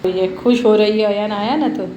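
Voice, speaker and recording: A woman's voice: mid-range voice, moderate pace, dark tone, muffled recording, a little hiss or hum. A woman narrating her day at home in a chatty family vlog, coaxing her pet now and then. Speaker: family vlogger.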